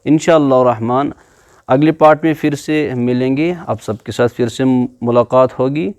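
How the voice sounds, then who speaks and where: Male teacher with a Pakistani Urdu accent, mid pitch, patient step-by-step lesson with drawn-out demonstrations. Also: darkish tone, dry recording, studio quality. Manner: patient, explains letter by letter and stretches out sounds to demonstrate. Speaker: Quran teacher. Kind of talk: classroom video lesson.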